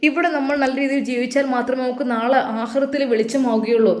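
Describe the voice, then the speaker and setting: A woman's voice: high-pitched, fairly even intonation, quick pace, pitched above the performer's own voice, close to an everyday voice. A woman voicing a hurt grown son back from working abroad who confronts his mother with pressing questions, with a Malappuram Malayalam accent. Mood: reproachful. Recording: roomy echo.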